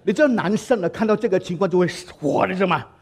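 A male pastor delivers a sermon in an animated, storytelling manner, often slipping phrases into his speech. His voice sits fairly high and has a husky edge. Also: very fast. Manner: lively storytelling, mixing in English words.

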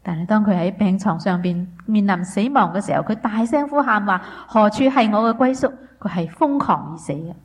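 A woman interpreting a sermon phrase by phrase, steady and fluent, with small filler sounds. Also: medium pitch, brisk, few pauses.

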